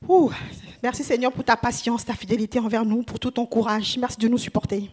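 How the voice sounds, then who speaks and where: A woman with a high voice preaches a sermon and reads scripture aloud. Her delivery is dramatic, dropping to hushed whispers and then rising to loud exclamations. She breaks off into chatty asides to her listeners. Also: fairly even intonation, fairly quick. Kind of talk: sermon with Bible reading.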